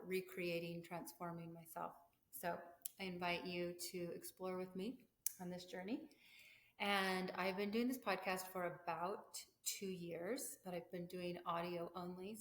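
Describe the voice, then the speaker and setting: Lady doing a solo podcast, lowish voice, candid and thinking out loud, super echoey tinny living room sound. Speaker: podcast host. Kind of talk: reflective solo video podcast monologue. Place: living room with a vaulted ceiling.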